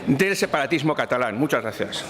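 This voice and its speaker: A man's voice: medium pitch, lively intonation, fairly quick, a bit bright. A man giving an emphatic parliamentary speech, repeating phrases insistently. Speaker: parliamentary spokesman. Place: parliament chamber. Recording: long reverb of a parliament chamber.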